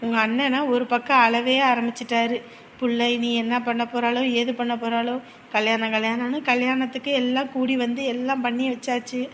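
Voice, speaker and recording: An actress playing a warm-hearted married aunt, talking earnestly. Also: female voice, a little high, completely flat delivery, moderate pace, a little hiss or hum, close to an everyday voice. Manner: earnest, consoling, talkative. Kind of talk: village family drama.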